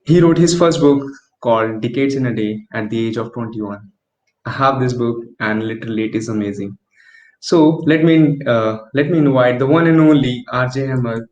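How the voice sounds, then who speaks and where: A man hosting an interview show, earnest and halting, often restarting his sentences. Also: medium pitch, darkish tone. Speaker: host. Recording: dull echoey lo-fi sound.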